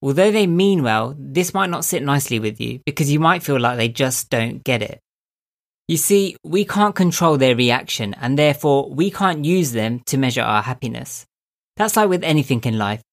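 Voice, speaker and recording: A man with a nasal, slightly squeaky voice hosting a podcast. He gives a calm, reflective self-help monologue and speaks straight to the listener. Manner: calm, thoughtful, addresses listener directly. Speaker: podcast host.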